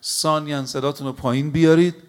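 A man's voice: a little high, steady tone, clear, resonant tone. A man preaching a sermon to a congregation. He tells stories and recites scripture, and he speaks emphatically, often addressing his listeners directly. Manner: storytelling with recited Arabic scripture.

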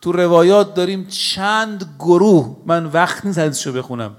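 A man preaching a sermon to a congregation. He tells stories and recites scripture, and he speaks emphatically, often addressing his listeners directly. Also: high voice. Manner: storytelling with recited Arabic scripture.

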